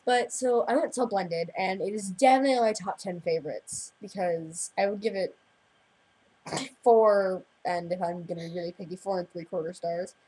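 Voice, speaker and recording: Teenage girl, husky voice, giggly, rambling, casual vlog chat. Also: lowish voice, fairly even intonation, moderate pace, mellow, poor audio. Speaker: vlog host.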